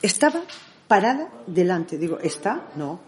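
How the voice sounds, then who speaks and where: A middle-aged woman talks through a conversational interview and tells her stories with energy. She slips into other people's voices as she retells what they said, and her pitch swings widely throughout. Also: unhurried. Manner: animated storyteller who acts out dialogue. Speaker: interview guest.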